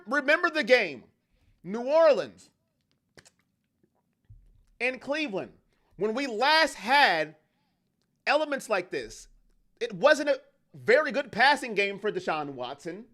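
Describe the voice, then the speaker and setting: A man with a high, bright, cutting voice hosts a fan livestream, talking into a desk mic. He rants with real heat, then drops back to read chat comments aloud. His tone is impassioned and opinionated throughout. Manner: heated, ranting, fast-shifting intensity. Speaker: fan channel host. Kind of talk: livestream sports talk, reading chat.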